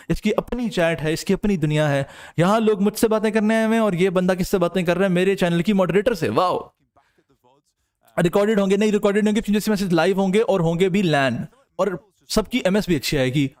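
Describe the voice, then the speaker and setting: Young male streamer, slightly high voice, tired and jokey. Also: a little mellow. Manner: joking, banters with chat, lapses into crude banter. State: tired from no sleep. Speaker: streamer and caster. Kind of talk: casual chat reading live comments.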